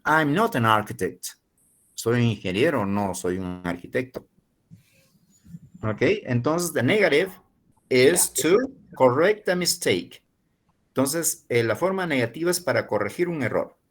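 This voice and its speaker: A man in his forties, a university professor from Peru, teaching an online English class in Spanish and slowly repeating model phrases for learners. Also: medium pitch. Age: 40s.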